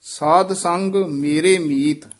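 Slow, high-voiced male recitation teacher. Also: fairly even intonation. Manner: slow chanted recitation, then quick spoken corrections. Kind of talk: teaching correct recitation of scripture.

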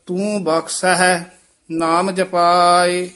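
Slow-chanting man teaching scripture recitation. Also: high-pitched, flat delivery, clean tone. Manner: measured, drawn-out chanting, then quick quiet corrections. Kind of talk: slow chanted recitation with spoken pronunciation instructions.

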